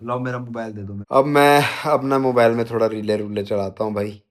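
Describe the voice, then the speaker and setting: A man's voice: mid-range voice, steady tone, fairly quick. A man, vlogging a stubborn, teasing argument with his wife at home in the bedroom. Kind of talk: casual bickering at home.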